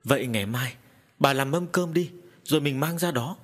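A man voicing an older village father who speaks in a measured, reasonable way. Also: medium pitch, natural voice. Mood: calm.

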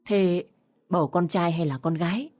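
A woman's voice: lowish voice, normal speed, darkish tone, close to an everyday voice. A woman voicing a harsh, berating elderly mother-in-law in a storybook reading. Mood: snapping.

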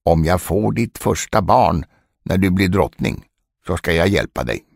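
A man's voice: sits low, animated, gravelly, no echo, studio quality, exaggerated voice. A man reading a storybook, voicing a spiteful, greedy little male dwarf who crows and shrieks his taunts. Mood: sly.

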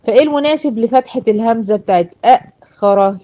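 A woman with an Egyptian Arabic accent teaching a recitation class. She explains patiently, asks her own questions and answers them, and draws out example words slowly. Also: fairly high pitch, dark tone, lo-fi sound. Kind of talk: classroom lesson.

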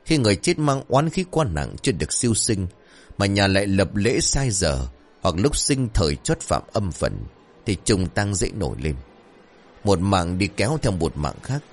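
A man's voice: sing-song, normal speed. A man narrating a rural ghost story in a scripted storytelling style, raising his voice for the characters' lines. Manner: voices characters with raised pitch. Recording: faint music behind.

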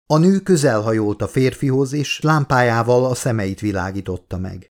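Male narrator, mid pitch, measured audiobook reading. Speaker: author reading his own book.

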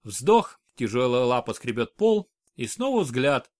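Male audiobook narrator, lively pitch. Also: measured pace.

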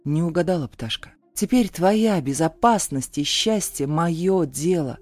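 A woman reading an audiobook, voicing a stern, protective young male warrior with a low, gruff growl and curt, firm refusals. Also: lively intonation, measured pace, darkish tone, no room sound, soft background music. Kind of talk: audiobook character voice.

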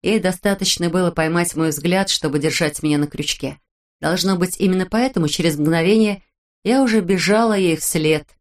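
A woman reading a first-person audiobook in a measured, reflective way. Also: fairly low pitch. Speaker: audiobook narrator.

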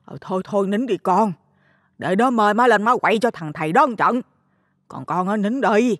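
A man voicing a loud-mouthed, hot-tempered middle-aged mother who scolds shrilly. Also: high voice, big pitch swings, normal speed, in a large hall, pitched above the performer's own voice. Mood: indignant.

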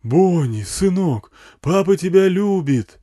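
A man's voice: high voice, expressive, takes it slowly, warm tone, pitched above the performer's own voice, exaggerated voice. A man reading an audiobook voices a crude wasteland gang boss who bellows pleas and insults at his wife over a megaphone.

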